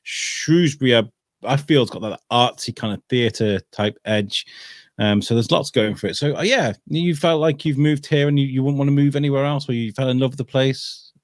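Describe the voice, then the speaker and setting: A man's voice: medium pitch, normal speed, dry recording, studio quality. A man hosting a podcast in casual interview chat, hesitant, with many ums and restarts. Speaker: podcast host.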